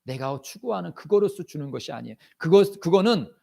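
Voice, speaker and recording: A man's voice: fairly high pitch, expressive, a little fast, gravelly, darkish tone. A male pastor preaching a Sunday sermon during live worship, emphatic and full of rhetorical questions. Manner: emphatic, rhetorical questions, often acts out quotes.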